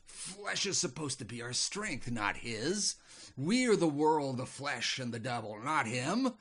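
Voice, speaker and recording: A man's voice: mid-range voice, big pitch swings, measured pace, a bit bright, breathy edge, heavily acted. A man voicing a furious male demon who rants about believers, his voice growing to a roar. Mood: indignant. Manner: roaring, rising intensity.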